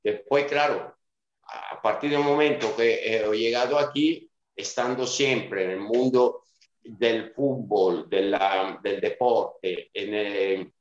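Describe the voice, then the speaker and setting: This man from Sicily, Italy, in his fifties, speaks slowly in a lowish voice with fairly even intonation and an Italian accent. As a club director giving a casual interview by webcam from a small room at home, he is hesitant and full of fillers and restarts, with dull, roomy call audio.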